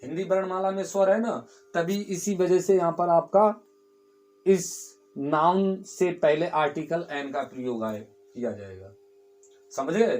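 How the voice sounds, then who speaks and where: A male teacher with a fairly high, slightly mellow voice speaks at a measured pace during a classroom grammar lesson. He explains things step by step, repeats key words, and often poses a question to the class before answering it himself.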